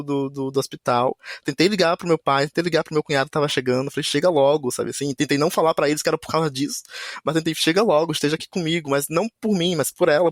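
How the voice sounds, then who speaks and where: A man with a Brazilian Portuguese accent tells a personal story in a men's conversation circle, speaking haltingly with many restarts and repeated words. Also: on the high side, dry recording, clean studio sound. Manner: halting and repetitive, with many restarts and a soft, reflective delivery.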